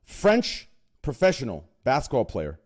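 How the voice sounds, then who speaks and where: Medium in pitch but swooping wildly up and down, this host's slightly mellow voice keeps a measured pace. He introduces his podcast guests in casual chat, rambling through self-conscious jokes and many fillers.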